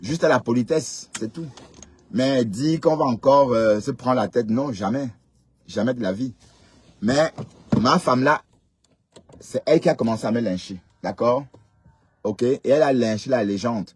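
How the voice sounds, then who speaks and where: A man's voice: mid-range voice, moderate pace, pauses often, slightly rough. A man hosting a live stream, commenting casually and emphatically, repeating phrases and checking that listeners agree. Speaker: livestream host.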